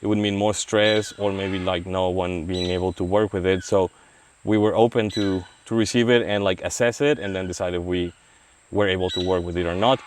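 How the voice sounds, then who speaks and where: A low-voiced wildlife veterinarian from Mexico gives a casual outdoor interview at a rainforest release site, his intonation fairly even. He speaks haltingly, restarting often and leaning on "like" as a filler. Faint rain and forest noise fill the background.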